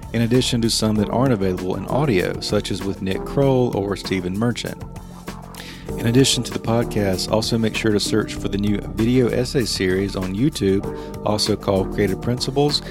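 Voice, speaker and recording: Man, podcast host, scripted intro, gravelly voice, faint music behind. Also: fairly low pitch. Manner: smooth, read-out delivery.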